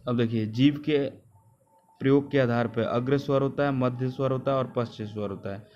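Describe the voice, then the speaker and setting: A man's voice: mid-range voice, fairly even intonation, normal speed, darkish tone, muffled recording. A man teaching a grammar lecture, repeating key terms, asking rhetorical questions and correcting himself. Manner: self-correcting with "sorry".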